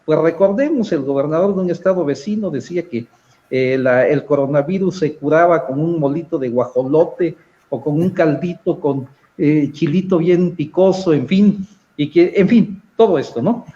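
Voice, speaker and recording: A Mexican man talks through political analysis on a discussion panel, his voice pitched a touch high but soft and mellow. He builds his points slowly, with frequent hesitant pauses between phrases. The recording is somewhat muffled.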